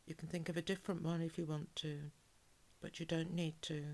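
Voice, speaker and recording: A woman guiding a relaxation hypnosis in a calm, measured, soothing way, with soft, breathy phrase endings. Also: deep voice. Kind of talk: guided relaxation hypnosis, soothing scripted narration.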